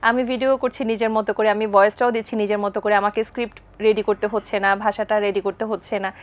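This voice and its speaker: A woman appearing as a guest on a talk show, telling stories about her life in a brisk, anecdotal way. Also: mid-range voice, flat delivery. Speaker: content creator guest. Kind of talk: talk show interview answers.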